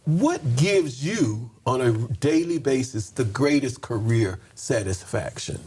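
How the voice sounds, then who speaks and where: A man interviewing a teacher, asking wordy questions in a measured, encouraging way. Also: mid-range voice, animated, darkish tone, slight background noise.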